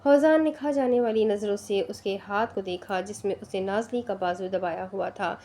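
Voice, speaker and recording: A woman narrating an audio novel in a steady storytelling manner. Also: medium pitch.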